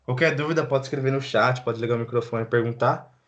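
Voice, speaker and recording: A young man from Brazil teaching English online, easygoing and slangy, slowing down to model English phrases. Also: mid-range voice, highs cut off. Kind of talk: live online English lesson.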